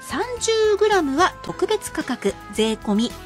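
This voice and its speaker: This is a live radio sales pitch from a woman whose high voice is full of energy. She speaks emphatically, slowing to carefully spell out key figures and prices, while music plays clearly underneath.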